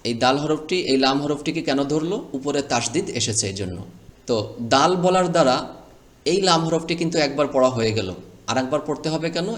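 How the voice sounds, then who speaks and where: A man's voice: on the high side, expressive, a little fast. A man teaching Quran reading over a screen recording, explaining rules patiently step by step and sounding out letters one at a time.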